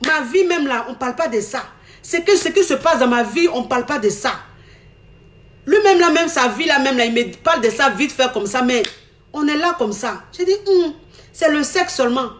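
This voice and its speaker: A young woman telling her own love story candidly. She talks in an animated way, repeats her lines and acts out what others said. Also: sits high, normal speed. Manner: animated, repeats herself, acts out quoted talk. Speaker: woman giving a testimony.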